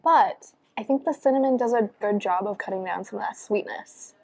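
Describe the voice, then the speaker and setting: A woman's voice: mid-range voice, fairly quick, vocal fry, mellow. A young woman, chatting casually in a cafe for her vlog, full of "like" and "um". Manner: bubbly, many fillers like "like" and "um". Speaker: vlogger. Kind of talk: casual chat. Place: cafe, indoors, on a couch.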